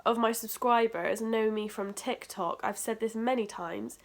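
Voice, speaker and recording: A woman's voice: a little high, fairly even intonation, measured pace, gravelly. A young woman chatting casually to camera in her bedroom, stuffy and nasal from hay fever, upbeat with joking asides. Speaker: vlogger. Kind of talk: casual storytime chat to camera. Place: bedroom at home, indoors. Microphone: camera facing her.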